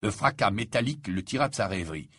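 Male audiobook narrator: husky, expressive, dry sound. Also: lowish voice, fast talker, no echo. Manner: expressive, dramatic reading. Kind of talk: scripted narration.

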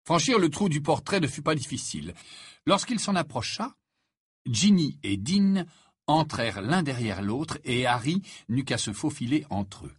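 A man narrating an audiobook in an expressive storytelling manner with a husky voice. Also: on the high side, moderate pace, no echo, studio quality. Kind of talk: scripted narration.

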